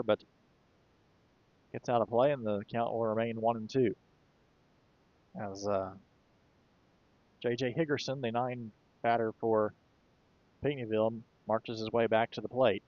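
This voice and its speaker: A man doing relaxed, conversational play-by-play commentary for a baseball game, with occasional fillers. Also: mid-range voice, no echo, dull audio. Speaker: play-by-play announcer.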